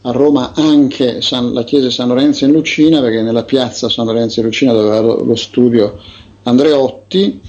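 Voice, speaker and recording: A man's voice: mid-range voice, steady tone, moderate pace, darkish tone, lo-fi sound. A man, an investigative author, recounting his experiences with indignant emphasis and frequent hesitations.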